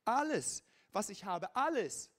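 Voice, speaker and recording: A man reading out the part of a loving father pleading gently with his son. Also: high voice, very animated, a little slow, full character voice. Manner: pleading and emphatic.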